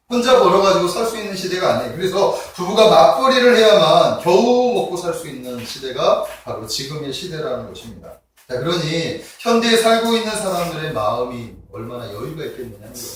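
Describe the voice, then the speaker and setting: Recorded from a distance in an echoey church sanctuary with slight background noise, a male pastor gives a conversational sermon and often checks in with his congregation. His voice is a little high and somewhat bright.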